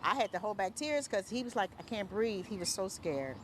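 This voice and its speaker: A woman neighbor giving a shaken, halting eyewitness account outdoors, often repeating her words. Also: mid-range voice, sing-song, slight background noise. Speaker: neighbor interviewed. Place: outdoors near her home.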